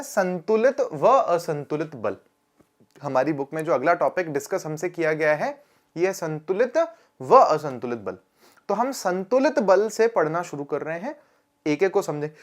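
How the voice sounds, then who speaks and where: Chatty male science teacher quizzing students. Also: high-pitched. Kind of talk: classroom lecture video.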